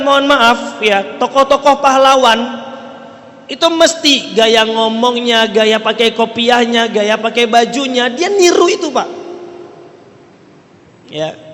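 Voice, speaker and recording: An Islamic preacher with an extremely high, fairly bright voice delivers a sermon to a congregation in Indonesian tinged with a Riau Malay accent. He asks rhetorical questions as he goes and checks in with the audience often. A large hall gives the recording a long reverb.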